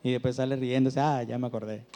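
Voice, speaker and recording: Guy preaching in church, chatty stories then big emphatic bits, warm tone, echoey hall. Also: medium pitch, flat delivery, fast. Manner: conversational storytelling with rising emphatic peaks. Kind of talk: sermon.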